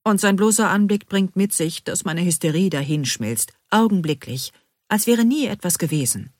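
Expressive woman reading a novel, dry and close. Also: lowish voice, moderate pace, no echo. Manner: expressive, animated. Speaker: audiobook narrator. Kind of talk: first-person novel reading.

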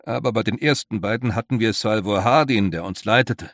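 A man's voice: lowish voice, fairly quick, fairly bright tone, no echo, clean studio sound. Farrell, a man doing a grave older leader. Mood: earnest.

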